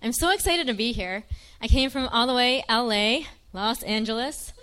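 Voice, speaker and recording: A woman's voice: a little high, normal speed, a bit bright, clean tone. Earnest young woman giving a testimony. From Michigan. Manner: earnest, chatty, frequent ums. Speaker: speaker giving a faith testimony. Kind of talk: personal testimony talk to an audience.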